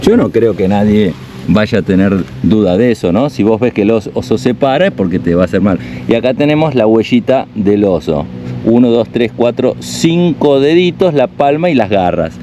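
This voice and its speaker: A man's voice: fairly low pitch, lively intonation, normal speed, dark tone, slight background noise. An Argentine man giving casual walking commentary for a travel vlog, reading signs aloud and explaining them. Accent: Argentine Spanish. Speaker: travel vlogger. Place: outdoors in a mountain village.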